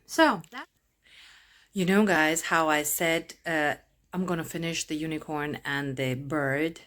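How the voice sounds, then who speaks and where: This woman's voice sits on the low side yet sounds a bit bright. She is a chatty crochet vlogger from Latvia, a native Latvian speaker, talking casually to the camera in a rambling way and frequently cutting herself off.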